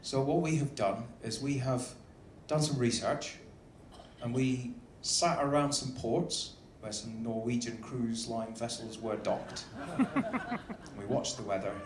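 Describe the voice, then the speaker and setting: A man's voice: medium pitch, expressive, takes it slowly. A man speaking as an upbeat cruise director, giving a joking welcome speech to a live audience over a microphone. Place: large indoor ship venue with audience. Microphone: stage microphone. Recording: roomy echo, faint background noise.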